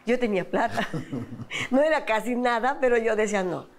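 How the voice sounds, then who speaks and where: A middle-aged woman tells her church testimony in an interview, with a fairly high, gravelly voice. She acts out her old arguments with sudden bursts of pitch and feeling. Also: moderate pace. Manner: animated, reenacts past quarrels with rising voice. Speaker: church member giving testimony.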